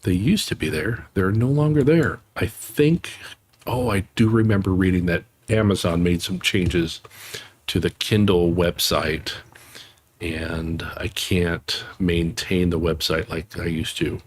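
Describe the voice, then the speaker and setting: A man hosting a livestream, reading a children's storybook aloud in a gentle, softly spoken voice with chatty asides, on a close microphone. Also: low-pitched, measured pace, breathy edge. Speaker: livestream host.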